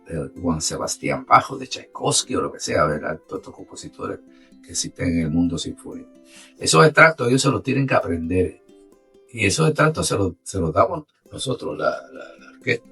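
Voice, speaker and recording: A man's voice: deep voice, lively intonation, fairly quick, fairly bright tone, breathy edge, recorded from a distance, soft background music. A man with a Puerto Rican Spanish accent talks conversationally as an interview guest, explaining with animation and checking in with his listener. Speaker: orchestra musician and guest.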